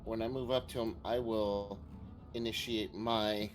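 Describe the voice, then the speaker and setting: A man's voice: lowish voice, flat delivery, measured pace, faint music behind. A man chatting casually as a player in a tabletop game.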